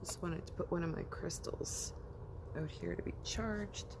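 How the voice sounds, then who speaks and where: A woman chatting casually in a rambling late-night vlog, at home and then outside in the dark, sometimes dropping to a whisper. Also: lowish voice, a little slow, vocal fry, background noise. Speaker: vlogger.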